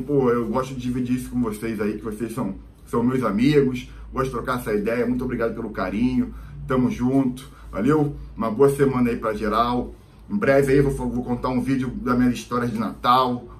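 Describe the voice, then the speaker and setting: Um homem com sotaque carioca contando uma história num vlog, falando solto, cheio de gírias e muletas. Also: male voice, mid-range voice, slight background noise. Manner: rambling, slangy, lots of fillers. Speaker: vlogger. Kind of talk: casual storytelling vlog.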